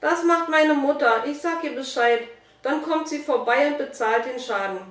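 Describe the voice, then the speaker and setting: A woman reading a storybook voices an eager, excitable young boy who calls out in a breathless, urgent way. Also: sits high, normal speed, pitched above the performer's own voice. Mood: pleading. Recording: roomy, distant mic.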